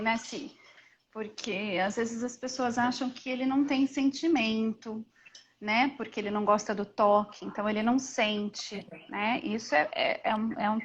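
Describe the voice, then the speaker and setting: A Brazilian mother talks in a lively, animated way, often restarting her phrases. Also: fairly high pitch, normal speed. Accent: Brazilian Portuguese. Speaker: guest, mother. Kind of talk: casual conversation. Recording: dull lo-fi audio with faint noise.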